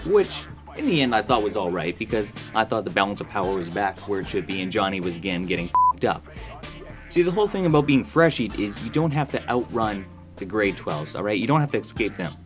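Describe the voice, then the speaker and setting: Low-voiced crude young man joking. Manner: crude, sarcastic, laid-back storytelling. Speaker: gaming commentator. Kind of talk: comedic gameplay commentary. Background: faint background music.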